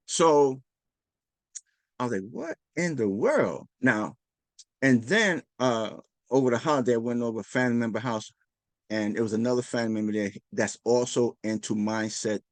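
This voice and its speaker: A man's voice: mid-range voice, no room sound. Earnest rambling man, dry close sound. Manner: earnest, rambling, with frequent restarts and quoted dialogue. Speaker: host. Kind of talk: casual motivational talk.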